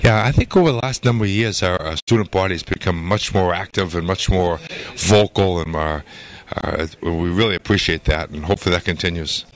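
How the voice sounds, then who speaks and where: An older man coaching hockey, answering post-game interview questions in a measured, halting way full of "uh" fillers, into a handheld mic at an arena backdrop. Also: low voice, low-quality recording. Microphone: handheld mic held by interviewer.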